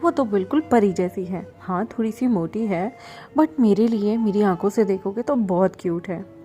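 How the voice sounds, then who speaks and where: A woman's voice: mid-range voice, moderate pace, mellow, soft background music, natural voice. A woman doing a teasing carefree young man.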